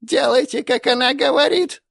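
A man voicing a mad old goddess with a creaky, trembling voice. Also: very high voice, normal speed, a bit bright, no echo, studio quality, voice pushed up, heavily acted. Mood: desperate.

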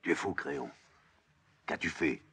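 A man reading a play aloud, voicing a solemn chorus that urges the king in a hushed, imploring tone. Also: extremely low pitch, a little slow, slightly rough, exaggerated voice. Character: solemn chorus, voice of the city elders.

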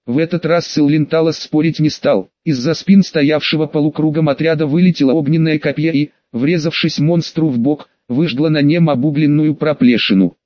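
A man giving a measured, dramatic reading as an audiobook narrator. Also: fairly high pitch, no echo, muffled recording.

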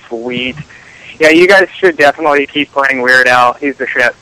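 A man's voice: mid-range voice, a little slow, sharp tone, clean tone. A male caller talking casually over a phone line, laid-back and crude, laughing between lines. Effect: heard over a phone line. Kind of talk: casual call-in chat.

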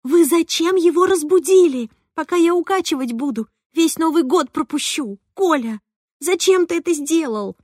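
A woman reading an audiobook, voicing a harried mother who exclaims loudly. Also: extremely high pitch, lively intonation, moderate pace, dry recording, studio quality, pitched above the performer's own voice. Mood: exasperated.

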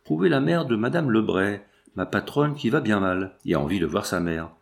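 A man reading the lines of a kindly old working woman in a novel, gentle and plain-spoken. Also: lowish voice, animated, normal speed, creaky.

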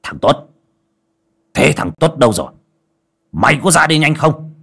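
A brutal, bellowing old landowner, put on by a man in a spoken horror tale. He barks orders and insults at a raised, loud pitch. The voice is husky and lively. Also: normal speed, exaggerated voice. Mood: raging. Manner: barking, shouting, abusive.

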